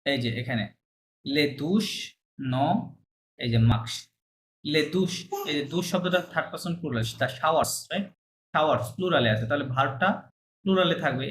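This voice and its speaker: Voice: mid-range voice, slight background noise, poor audio. An online French teacher explaining verb endings patiently, checking understanding often and mixing English and French terms into the lesson.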